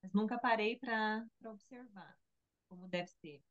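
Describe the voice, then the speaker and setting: A woman's voice: mid-range voice, a little slow. A woman asking a hesitant question on a video call, repeating small words and trailing off as she searches for them. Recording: dull lo-fi video-call audio.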